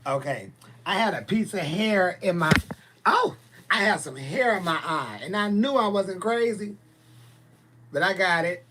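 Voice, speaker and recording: A man's voice: high-pitched, expressive, measured pace, sharp tone, a little hiss or hum. A man in his forties hosting a casual livestream, chatting and answering viewer comments in a blunt, sassy way. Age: 40s. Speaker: livestream host. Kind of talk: casual live chat reading viewer comments.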